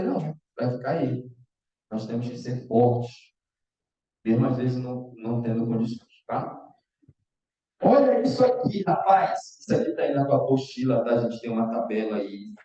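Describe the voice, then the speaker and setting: A man's voice: medium pitch, dark tone. A man teaching a math lesson in a casual way, checking in with the students all the time. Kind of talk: online exam-prep lecture. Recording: echoey, distant, dull lo-fi room sound.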